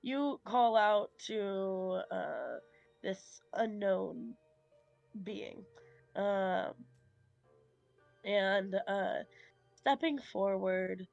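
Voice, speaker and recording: A woman's voice: mid-range voice, extremely slow, creaky, long pauses, a little mellow, highs cut off, soft background music. A woman narrating as game master of a tabletop game, hesitant with many fillers.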